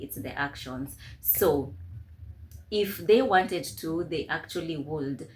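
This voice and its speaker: A woman in her late twenties giving life advice in a casual vlog, measured and checking in with "all right?" after each point. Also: fairly low pitch, a little hiss or hum. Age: late 20s. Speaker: vlogger.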